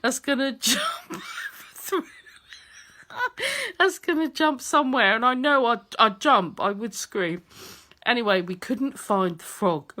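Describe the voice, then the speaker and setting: Woman vlogger, giggly and sweary, bright voice with lots of rise and fall, unhurried. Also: fairly high pitch, big pitch swings. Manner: giggly, laughs through her words, swears freely. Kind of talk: casual storytelling to camera. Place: front room at home.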